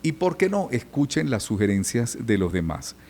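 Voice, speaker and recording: A man's voice: medium pitch, moderate pace, a little hiss or hum. A middle-aged man, a journalist and radio announcer, telling stories in a conversational podcast interview. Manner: storytelling, animated, imitates old radio announcers.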